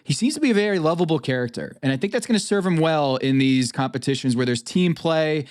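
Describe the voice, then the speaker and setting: A man's voice: fairly high pitch, expressive, fast talker, a little mellow. A man from New England hosting a podcast, talking through draft picks casually with frequent ums. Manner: hesitant, frequent ums and uhs. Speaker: podcast host. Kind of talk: casual chat, fantasy draft analysis.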